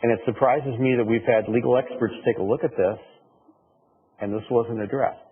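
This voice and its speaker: A man's voice: medium pitch, steady tone, brisk, breathy edge. A man on a township board, laying out his argument step by step at a public meeting. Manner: explanatory, builds an argument step by step. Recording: tinny lo-fi meeting audio.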